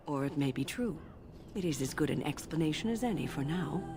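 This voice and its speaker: Low-voiced wise game mage, slow and solemn, big music behind. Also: female voice, animated, gravelly. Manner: measured, solemn storytelling. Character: wise female mage explaining lore. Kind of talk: video game voice acting.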